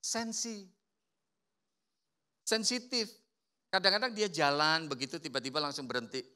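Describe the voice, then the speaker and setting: A man's voice: a little high, moderate pace. A man preaching a sermon, telling playful stories and acting out quotes. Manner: lively, playful storytelling with acted-out quotes. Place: church service.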